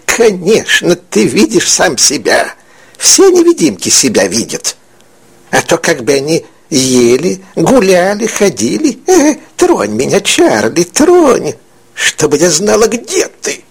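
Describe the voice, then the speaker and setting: A man's voice: high voice, huge pitch swings, takes it slowly, creaky, slightly rough, voice pushed up, exaggerated voice. A man voicing a lonely old village witch woman who cackles and wheedles. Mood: cackling.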